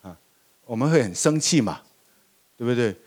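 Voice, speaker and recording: A man's voice: mid-range voice, normal speed. Older pastor guy giving a sermon, chatty, keeps asking "right?" and laughing. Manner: lively, asks the congregation rhetorical questions, laughs often.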